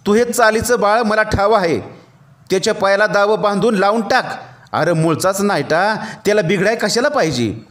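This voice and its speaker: A man voicing a stern, blunt elderly village grandfather who answers with sharp, cutting retorts. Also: high-pitched, lively intonation, moderate pace, hardly any pauses, voice pushed up. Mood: scornful. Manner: sharp, scolding.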